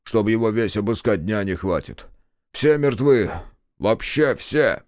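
A man voicing a panicked, frightened male storekeeper who yells in a shrill, near-hysterical voice, in a storybook reading. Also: expressive, moderate pace, no room sound, clean studio sound, lightly acted. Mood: shaken.

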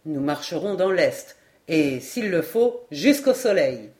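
A woman reading aloud, voicing a grave Patagonian guide in a lower, slow and solemn voice. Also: expressive, darkish tone. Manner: slow, low, measured and solemn.

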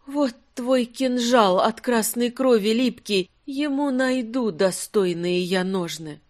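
A narrator voicing a young male actor reciting a mournful stage monologue slowly, in declamatory verse, in an audiobook. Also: medium pitch, lightly acted. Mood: grieving. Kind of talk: audiobook character voice.

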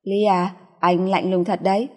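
A woman's voice: medium pitch, little pitch movement, a little slow, breathy edge. A woman voicing a mocking, teasing female assassin, read in a long reverb. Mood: taunting. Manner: taunting, teasing.

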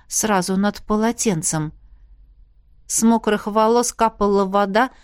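A woman reading a first-person fantasy novel aloud in a steady, even storytelling voice, close to the mic. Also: mid-range voice, dry recording. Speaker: audiobook narrator.

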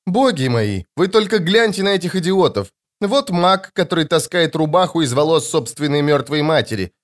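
A bossy, foul-mouthed female soldier who barks orders and scolds everyone around her, as a male reader puts her on. The voice sits high and swings about sharply. Storybook reading. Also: lively intonation, moderate pace, lightly acted. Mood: scolding. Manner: barking, scolding. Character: gruff tough female corporal, bossy.

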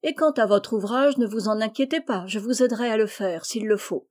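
An eager, warm-hearted little girl from a storybook, bright and raised in pitch, as a woman reader puts her on. She chatters quickly and pushes her ideas, bossy when she plays teacher. The tone stays soft and mellow. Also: lightly acted. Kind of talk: storybook reading.

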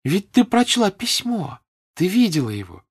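A man's voice: big pitch swings, normal speed, breathy edge, heavily acted. A man reading an audiobook and voicing a passionate, desperate young noblewoman who cries out and pleads. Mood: anguished. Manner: shrill, crying out.

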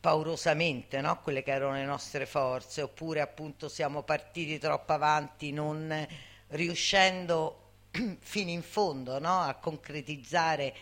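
An older woman, a veteran activist appearing as a guest speaker, addresses others informally and with passion. She is emphatic and often seeks agreement through tag questions, her voice extremely low in pitch yet fairly bright in tone.

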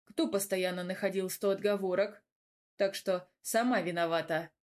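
A blunt, possessive young lover from a romance audiobook, read by a woman narrator. He speaks gruffly and a touch lower, teasing one moment and threatening the next. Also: steady tone, moderate pace, natural voice.

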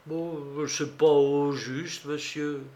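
A man's voice: fairly high pitch, little pitch movement, slow, darkish tone. A man voicing a timid, sheepish old grey-haired sailor who answers meekly and hesitantly. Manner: meek, hesitant, subdued.

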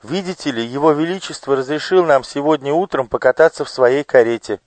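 A man's voice: a little high, brisk, no echo, pitched above the performer's own voice, lightly acted. Timid little storybook girl, eager and pleading, read by a man in a raised voice. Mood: explaining politely.

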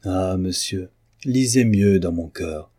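A man's voice: low voice, takes it slowly, warm tone, husky, full character voice. A man reading a timid pleading young heroine. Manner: trembling, pleading and humble.

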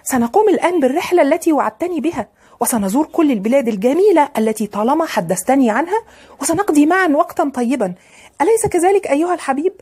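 Woman doing a shrill, defiant twenty-year-old girl. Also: expressive, racing, warm tone. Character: excited young woman, about twenty, defiant.

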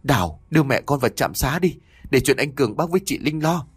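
A man's voice: medium pitch, big pitch swings, brisk, breathy edge, no echo. A man doing a fearful older mother. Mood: firm. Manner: pleading, trembling.

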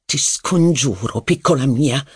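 Man reading gloomy young officer, slow, pleading, somewhat high voice. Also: animated, a little mellow, breathy edge, no echo, studio quality. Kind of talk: audiobook character voice.

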